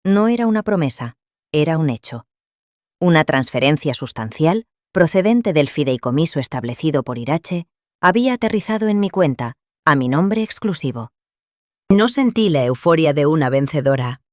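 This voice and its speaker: An older woman calmly narrating her own story in the first person, measured and scripted. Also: sits low, dry recording, studio quality.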